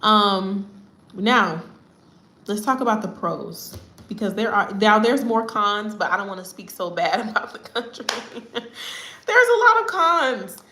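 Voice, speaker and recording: Lively woman chatting in an echoey room. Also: mid-range voice, measured pace, a little hiss or hum. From United States. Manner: animated and chatty, often laughing. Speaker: vlogger. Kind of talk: casual storytelling chat. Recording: roomy echo.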